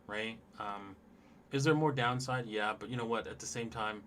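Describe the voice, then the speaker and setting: A man's voice: fairly low pitch, moderate pace, a bit bright, slight background noise. A man hosting a casual livestream, talking loosely and in a rambling way straight to his viewers as he looks over charts. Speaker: livestream host.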